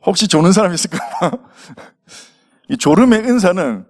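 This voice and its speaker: A man's voice: high-pitched, expressive, moderate pace. A male pastor preaching to young people, telling the story with acted quotes and asking the audience questions. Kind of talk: sermon to teenagers.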